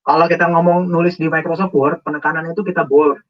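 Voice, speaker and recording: A man's voice: a little high, quick pace, far from the mic, muffled recording. A man speaking as a guest on a webinar, explaining job interview tips and acting out example phrasings. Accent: Indonesian. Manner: animated, acts out example phrasings.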